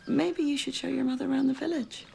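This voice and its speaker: A woman's voice: high voice, steady tone, fast talker, creaky, dark tone, a little hiss or hum, low-quality recording. An actress playing a tactful, busy young mother and wife in a television drama. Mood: polite, wary.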